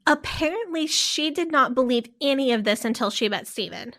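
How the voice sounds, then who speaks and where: She's a podcast co-host telling a rambling, casual story with lots of fillers and restarts. Her voice sits high and sounds expressive and a bit bright, moving at a moderate pace.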